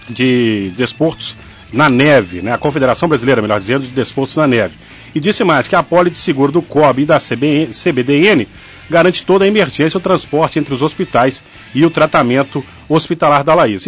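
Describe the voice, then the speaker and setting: A man with a Brazilian accent hosting a radio sports show, talking casually and often correcting himself with little fillers. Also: a little high. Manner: chatty, frequent "né" fillers and self-corrections. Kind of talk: casual radio news chat. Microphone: studio microphone.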